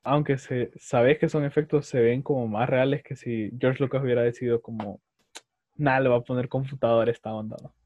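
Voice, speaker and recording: A man's voice: medium pitch, steady tone, brisk, darkish tone, highs cut off, slight background noise. A man, chatting casually on a podcast and adding slangy jokes. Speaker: podcast co-host. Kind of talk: casual chat.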